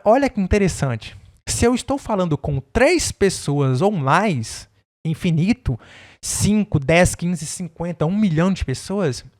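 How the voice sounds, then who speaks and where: A man's voice: high-pitched, darkish tone. A man from Brazil with a Brazilian Portuguese accent, teaching an English lesson online in a casual, chatty way, often checking in with his viewers and spelling words out. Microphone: desk microphone.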